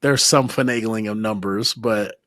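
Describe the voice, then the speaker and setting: A man's voice: fairly low pitch, normal speed, a bit bright, no room sound, clean studio sound. Friendly rambling male podcast host. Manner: friendly, rambling, restarts his sentences. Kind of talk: casual interview chat.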